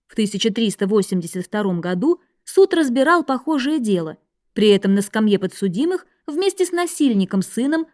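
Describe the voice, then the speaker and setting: A woman reads a scripted history narration in an even, measured way. Her voice sits somewhat high for a woman. She keeps a steady reading pace throughout.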